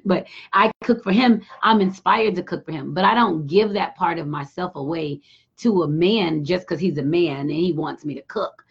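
A middle-aged woman, hosting a live talk show and telling a frank, profane story with lively quoted voices. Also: lowish voice, normal speed, gravelly, slightly rough. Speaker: show host. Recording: dull lo-fi sound.

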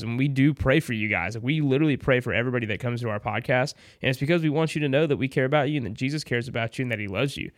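A man's voice: medium pitch, no echo, studio quality. A man hosting a sports podcast, chatting casually with an earnest, emphatic manner.

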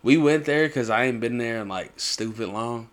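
A man's voice: mid-range voice, normal speed. A young American man chatting casually in a slangy, swearing, bro-heavy way, like a host talking with a friend. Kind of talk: casual chat.

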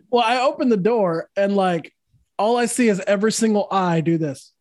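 A man's voice: sits high, expressive, normal speed. A man from New Mexico hosting a podcast, telling stories in casual chat, swearing freely and laughing often. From Santa Fe, New Mexico. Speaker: podcast host.

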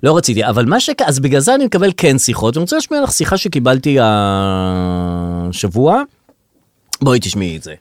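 A man's voice: mid-range voice, big pitch swings, no room sound, clean studio sound. A man co-hosting a podcast in casual chat, teasing and laughing often. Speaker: podcast co-host.

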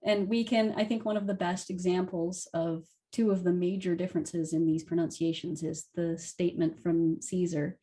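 A woman's voice: lowish voice, fairly even intonation, normal speed, hardly any pauses, dark tone, slightly rough. A woman hosting a casual discussion as a Latin teacher, asking questions and reciting Latin lines. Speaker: podcast host and Latin teacher.

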